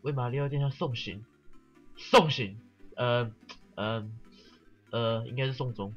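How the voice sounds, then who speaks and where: A man's voice: mid-range voice, measured pace, dull audio, faint music behind. A man giving casual let's-play commentary, sarcastic and swearing often while mockingly reading the game's text aloud.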